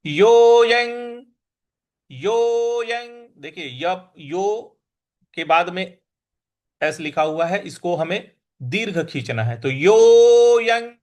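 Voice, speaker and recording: A man with a high voice teaches the pronunciation of sacred verses at a very slow, deliberate pace. He repeats syllables over and over, stretching and stressing each sound. Now and then he chants whole lines in a sung tone. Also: a bit bright. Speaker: Sanskrit recitation teacher.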